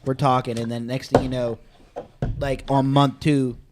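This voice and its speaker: A man's voice: mid-range voice, level tone, normal speed, background noise. A man, co-hosting a podcast in casual, crude, laughing banter. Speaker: podcast co-host. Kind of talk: casual chat.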